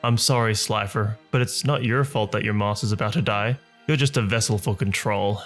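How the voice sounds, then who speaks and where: Male reader voicing a cruel young rival duelist, smirking, prone to shouting. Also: fairly low pitch, normal speed, faint music behind. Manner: cold, smirking, bursts into shouting.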